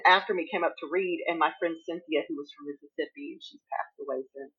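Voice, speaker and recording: A woman's voice: low-pitched, fast, husky, highs cut off. A woman with a Southern accent from Appalachia, a writer telling stories in a casual conversation with many restarts and laughs. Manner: chatty storyteller, laughs often, many restarts. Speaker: guest writer.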